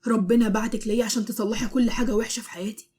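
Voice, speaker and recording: A woman with an Egyptian accent voicing a remorseful young husband who pleads softly and earnestly. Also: fairly high pitch, steady tone, very fast, slightly rough. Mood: pleading. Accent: Egyptian Arabic.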